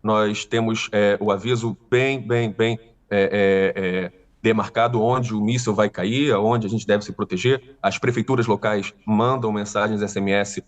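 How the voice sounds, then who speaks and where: A man with a carioca accent from Rio, a tour guide speaking in a remote news interview with many hesitant pauses. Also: lowish voice, fairly even intonation, distant mic, highs cut off. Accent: Carioca Brazilian Portuguese. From Rio de Janeiro, Brazil.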